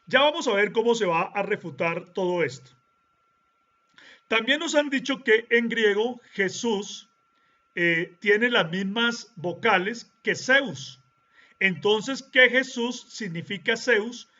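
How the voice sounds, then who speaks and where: Male Bible teacher, deliberate lecturing delivery, high-pitched, muffled lo-fi audio. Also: expressive, bright, forceful tone. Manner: deliberate, lecturing, checks in with rhetorical "¿sí?". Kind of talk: explanatory teaching monologue.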